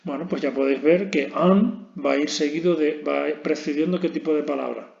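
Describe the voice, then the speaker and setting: A man's voice: fairly high pitch, brisk, vocal fry, a little mellow. A man with a Spanish accent teaching an English grammar lesson, explaining step by step and often checking in with his listeners. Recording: echoey room, dull lo-fi sound.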